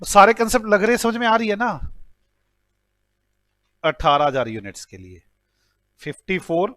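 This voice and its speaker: A man's voice: sits high, very animated, normal speed, fairly bright tone, dry recording, clean studio sound. A man teaching a class, working through sums aloud and joking with his students as he goes. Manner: teasing, joking with students while calculating aloud; mixes English numbers into Hindi speech. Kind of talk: classroom lecture solving problems.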